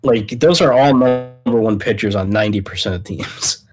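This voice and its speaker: A man's voice: fairly low pitch, moderate pace, faint music behind. A man co-hosting a casual sports podcast, arguing his opinions bluntly in loose, informal speech. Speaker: podcast co-host.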